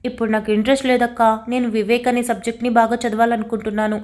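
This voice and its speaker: A woman's voice: on the high side, flat delivery, very fast, darkish tone, close to an everyday voice. A woman voicing a coy, playful young woman. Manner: coy, teasing.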